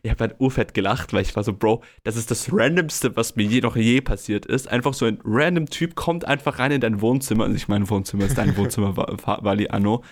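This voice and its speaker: A young man tells a story in a casual podcast chat. He is animated and acts out other people's lines, laughing often. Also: lowish voice, fast talker, hardly any pauses. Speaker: podcast co-host.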